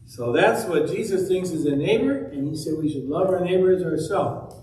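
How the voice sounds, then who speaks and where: A man leads a children's talk, reading a rhyming story aloud and playfully coaxing the kids to supply the missing words. His voice sits a little high. It echoes heavily around a large church, caught from a mic set well back. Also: moderate pace, warm tone, far from the mic, a little hiss or hum.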